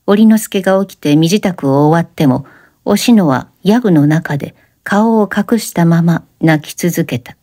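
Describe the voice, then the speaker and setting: A woman narrating a literary story in a measured, composed, expressive audiobook reading. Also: on the low side, dry recording, studio quality.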